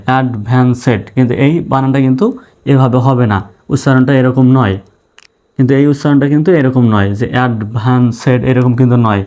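A man's voice: medium pitch, darkish tone. A man teaching English spelling and pronunciation, patiently spelling out letters one by one and repeating each sound. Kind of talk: spoken spelling and pronunciation lesson.

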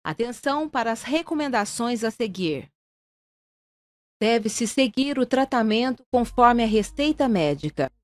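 A woman's voice: a little high, unhurried. Woman narrating a pharmacy lesson. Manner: steady, even reading of a script. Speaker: course narrator. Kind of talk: scripted instructional narration.

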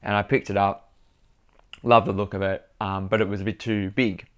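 A man's voice: on the low side, normal speed, clean tone. Chatty young man vlogging. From Australia. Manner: chatty, animated, restarts and repeats words. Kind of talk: casual storytelling to camera.

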